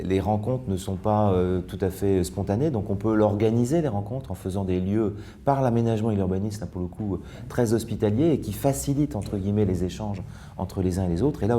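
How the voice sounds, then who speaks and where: A man's voice: sits low, mellow, slight background noise. A man, a guest in a panel discussion, explaining at length with hesitations and restarts. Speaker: debate guest.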